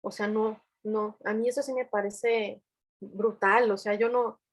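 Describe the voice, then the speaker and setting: A woman's voice: medium pitch, fairly even intonation, unhurried. A woman forensic psychologist speaking on a video call, telling stories animatedly and acting out the people she quotes. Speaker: forensic psychologist in family court. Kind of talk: panel discussion over video call.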